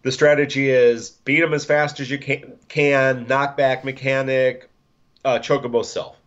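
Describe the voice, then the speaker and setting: A man's voice: mid-range voice, flat delivery, a little slow, a bit bright, dull audio. A man co-hosting a casual gaming podcast, rambling and restarting his sentences. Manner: rambling, restarts often, chuckles. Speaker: podcast co-host.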